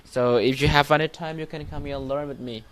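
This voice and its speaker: Slightly high and a bit bright, this monk's voice holds a steady tone and a Cambodian accent. As a teacher and livestream host giving an informal motivational lesson, he speaks haltingly and repetitively, with non-native English phrasing.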